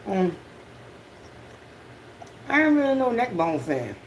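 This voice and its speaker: A person with a Southern US accent chatting casually on a livestream in an unhurried, slangy, profane way. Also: mid-range voice, sing-song, a little hiss or hum, poor audio. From Southern United States. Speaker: livestream host.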